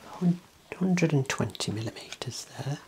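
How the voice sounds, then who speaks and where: A man in his thirties whispers as an optician in an ASMR roleplay, offering quiet, reassuring clinical instructions without hurry. His voice sits in the mid range, captured by a close clip-on wireless lapel mic in a small indoor room. There's slight background noise.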